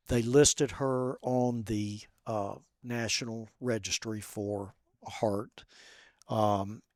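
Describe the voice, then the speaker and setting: Brief: male guest, gentle halting storyteller, close dry sound. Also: fairly low pitch, no echo. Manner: soft-spoken and halting, with many fillers. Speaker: podcast guest. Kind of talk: personal storytelling.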